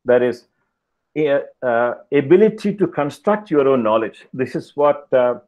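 An older man giving a keynote lecture over slides on a video call, talking in a measured, deliberate way with pauses and fillers. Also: mid-range voice, animated. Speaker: keynote speaker. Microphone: headset, video call. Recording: slightly dull video-call audio.

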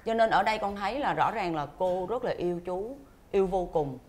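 A woman's voice: mid-range voice, animated, brisk, a little mellow. A woman co-hosting a talk show, speaking earnestly and reassuringly to an older guest. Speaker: co-host.

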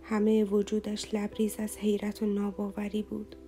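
A woman reading a romance novel aloud as an audiobook narrator in a slow, somber, even way. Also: medium pitch, faint music behind.

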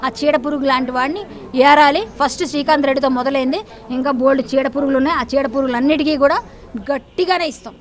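Woman, high voice, rapid-fire and defiant, heated news interview. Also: steady tone.

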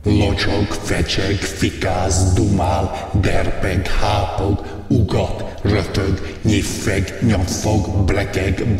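A man's voice: sits low, darkish tone, close to an everyday voice. A man playing a pompous male wizard doctor who preaches stillness in a satirical guided meditation, declaiming long lists of verbs. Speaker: meditation therapist in a satirical video. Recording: echoey hall from far off, music behind.

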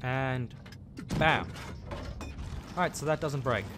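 Guy from south africa mumbling thru a tank game, mid pitch voice, game noise behind him. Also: slow pace. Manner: casual, muttering reactions to the game. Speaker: gaming channel host. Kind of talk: live gameplay commentary.

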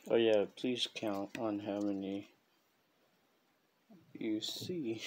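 Man, low gravelly voice, slow rambling show-and-tell, faint hiss behind. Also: very animated, a little mellow. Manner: slow, rambling, chuckles often. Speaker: collector showing business cards. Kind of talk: casual show-and-tell vlog.

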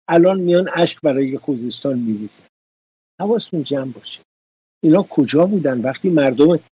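A man's voice: fairly high pitch, mellow, breathy edge, lo-fi sound. A man hosting a political commentary show, talking indignantly and sarcastically in a studio.

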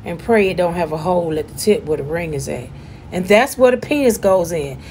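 A woman, chatting loudly and jokingly as she gives a casual demonstration at home. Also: fairly low pitch, a little fast, slight background noise. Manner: chatty, joking, loud and animated. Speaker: vlogger giving a demonstration.

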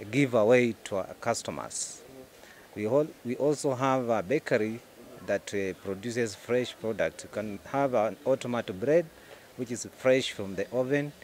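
A middle-aged Kenyan supermarket branch manager, mid-range in voice, answers interview questions in short, halting promotional phrases into a handheld mic inside the store. Faint music plays in the background, and there's a slight hiss or hum on the recording.

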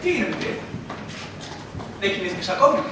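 A man's voice: high-pitched, expressive, background noise. A young man acting a defiant, impatient son in a school stage play, urgent in his arguing, recorded from far off on an echoey stage. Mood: gentle teasing. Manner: urgent, rising to outbursts. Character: hot-headed grown son, impatient and defiant. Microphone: distant camera mic.

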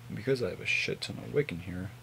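Low gravelly young man, noisy webcam audio. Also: fast talker, pushed and bright. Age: 20s. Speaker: vape reviewer. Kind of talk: casual product review chat. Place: small home room with hanging clothes.

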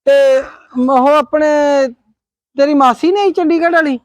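A man's voice: extremely high pitch, a little slow. A man performing in a scripted village comedy skit, soothing and nosy, repeating comforting phrases. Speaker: comedy sketch actor.

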